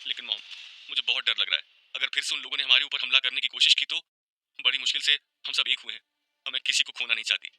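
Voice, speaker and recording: Brief: male narrator plays a scared young woman, tearful and pleading, raised and bright. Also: medium pitch, fast, no echo, voice pushed up, rough recording. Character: panicked young woman crying from a nightmare.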